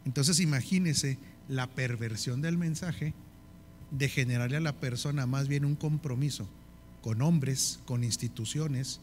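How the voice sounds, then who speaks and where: A man's voice: mid-range voice, measured pace, a little mellow, a little hiss or hum. A man with a northern Mexican accent teaching a leadership course in sermon style, often checking with the audience and listing in repeated phrases. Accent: northern Mexican Spanish.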